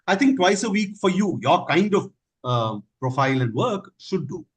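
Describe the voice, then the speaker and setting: Male expert fielding Q&A on a call, slightly higher voice, very animated pitch. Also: normal speed, poor audio. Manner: lively, advisory, stresses key words. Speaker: speaker answering audience questions. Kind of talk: online session Q&A.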